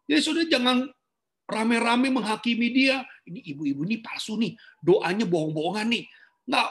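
A man preaching a sermon to his congregation, dropping into low asides and rising into emphatic bursts. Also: a bit bright. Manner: addresses congregation as "saudara", swings between low asides and high emphatic bursts. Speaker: pastor.

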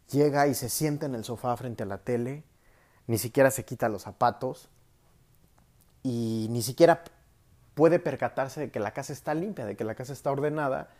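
A man at a medium pitch, telling a story in a loose, conversational way. He checks in with the listener often as he goes. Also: darkish tone. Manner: conversational, uses tag questions. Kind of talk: storytelling talk.

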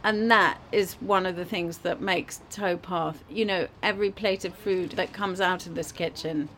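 A woman's voice: lowish voice, steady tone, moderate pace, fairly bright tone. A woman who is a head chef, talking enthusiastically about her kitchen and its food in a casual conversation.

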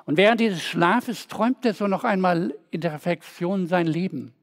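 A man with a high-pitched voice preaches a sermon as a pastor at normal speed. He tells stories and repeats phrases in a rhythmic way.

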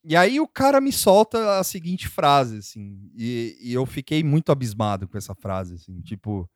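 A man's voice: mid-range voice, big pitch swings, moderate pace, dry recording. Rambling man, dry mic. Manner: rambling, laughs often, many fillers. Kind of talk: casual storytelling chat.

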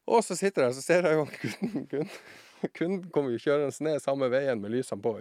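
A man telling a funny story as a podcast guest, acting out voices and shouting some lines. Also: medium pitch, no echo, clean studio sound. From southern Norway. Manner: animated anecdote-teller, acts out voices and shouts. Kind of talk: casual storytelling.

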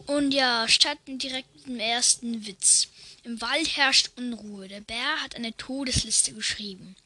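A woman's voice: fairly high pitch, unhurried, pushed and bright, no echo. A woman telling jokes in a casual chat, giggling at her own punchlines and using slang. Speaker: channel host.

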